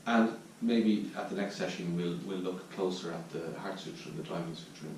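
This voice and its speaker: A man's voice: fairly even intonation, moderate pace, vocal fry. Irish man teaching in an echoey hall. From Ireland. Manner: reflective, searching for words, low-key. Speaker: Zen teacher giving a dharma talk. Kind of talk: dharma talk at a retreat. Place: meditation hall at a retreat centre. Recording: distant mic in a very echoey room with faint noise.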